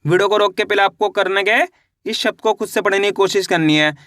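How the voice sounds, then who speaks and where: A man's voice: sits high, a little fast, a bit bright, no echo, studio quality. A man teaching children to read, sounding out each letter one by one and then blending them into a word, patient and repeating his questions. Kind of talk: slow phonics lesson. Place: voice-over for a video lesson.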